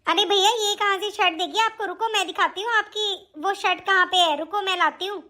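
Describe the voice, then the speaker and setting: A woman's voice: very high voice, fairly quick, bright, forceful tone. A woman voicing a spiteful, scheming young woman in a cartoon, sneering and bossy. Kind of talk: cartoon voice acting.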